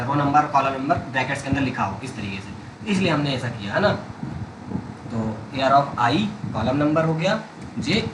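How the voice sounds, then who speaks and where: A man's voice: fairly high pitch, reverberant, background noise. A man teaching programming step by step, checking that his students follow along. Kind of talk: coding tutorial.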